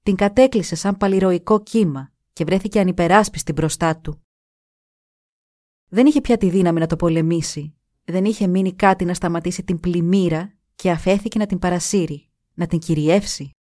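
A woman narrating a scripted story in a measured, expressive reading voice. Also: lowish voice, no room sound, studio quality.

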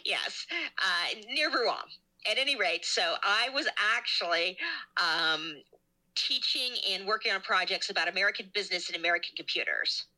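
A woman's voice: medium pitch, lively intonation, moderate pace, sharp tone, poor audio. A middle-aged woman, a guest scholar in an interview, telling stories in a chatty, self-deprecating way. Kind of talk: casual interview chat.

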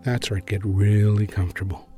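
A man narrating a guided sleep story in a soothing, hypnotic manner, with long pauses between short phrases. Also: fairly low pitch, steady tone. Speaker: sleep podcast host and narrator. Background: new-age music.

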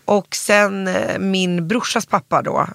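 A man's voice: high-pitched, creaky, a bit bright, no room sound. A man, a guest singer telling rambling, self-interrupting stories in a casual interview. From Sweden.

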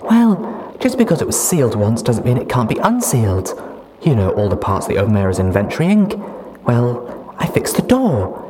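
A man voicing a bubbly, naive young female pony who gushes loudly in a storybook reading. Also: medium pitch, very animated, moderate pace, a crowd in the background, natural voice, rough recording. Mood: gushing. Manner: gushing and loud.

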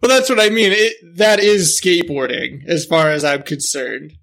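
High-voiced laid-back show host. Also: male voice, normal speed, creaky, fairly bright tone. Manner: laid-back, swearing, laughing. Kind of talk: casual chat.

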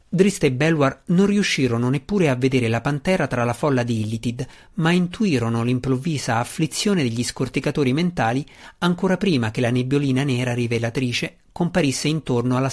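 This audiobook narrator is a man with a mid-range voice, delivering a fantasy novel at an even, measured pace.

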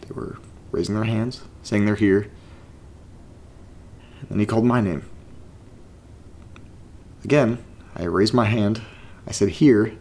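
In a horror audio drama, a man voices an uneasy, reluctant character exploring a creepy place and reading strange letters, partly reading one aloud. His lowish, slightly mellow voice comes out haltingly, as if he's muttering to himself in a naturalistic found-recording monologue. The mood is subdued and uneasy.

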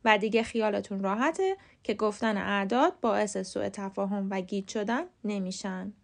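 A woman with a Persian accent, hosting a podcast and giving a scripted English lesson with clear, careful enunciation of example words. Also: medium pitch. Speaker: podcast host and English teacher.

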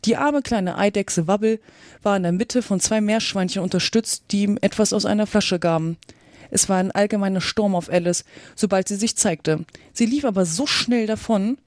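A woman narrating a storybook in a steady, even reading voice. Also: mid-range voice, moderate pace, no echo, studio quality. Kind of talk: audiobook reading.

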